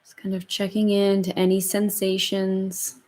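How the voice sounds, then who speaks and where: Female meditation guide, mid-pitched, soothing hushed murmur, slow and spacious phrasing. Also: completely flat delivery. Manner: soft, soothing, slow murmur with long pauses. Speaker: yoga and meditation instructor.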